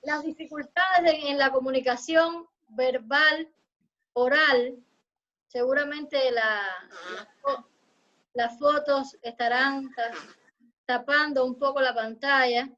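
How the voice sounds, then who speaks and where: A high-pitched woman lectures to students over a video call, her speech measured and explanatory. The audio comes through dull and lo-fi. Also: steady tone, pushed and bright. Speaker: university lecturer. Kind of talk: online lecture.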